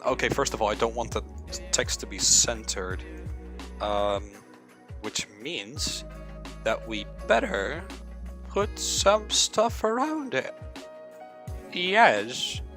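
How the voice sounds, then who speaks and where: Very animated and medium-pitched, this young man from the Netherlands takes it slowly and pauses often, with music playing behind him. Streaming himself coding live in a Dutch accent, he talks to himself and to viewers, hums fillers, and lets casual swears slip.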